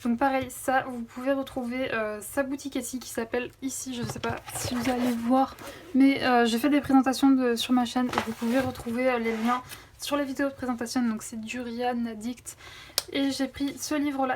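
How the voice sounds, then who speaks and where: A woman's voice: high voice, a little mellow, slight background noise. A young woman chatting enthusiastically through a coloring book haul, with many fillers. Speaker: coloring vlogger. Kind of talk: casual haul vlog. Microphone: phone camera.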